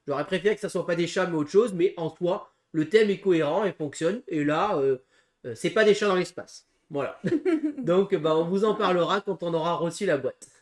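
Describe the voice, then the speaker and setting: A man co-hosting a casual board game preview, talking through game rules with frequent pauses and restarts. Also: sits high. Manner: hesitant, full of pauses and restarts while explaining rules. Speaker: board game channel co-host.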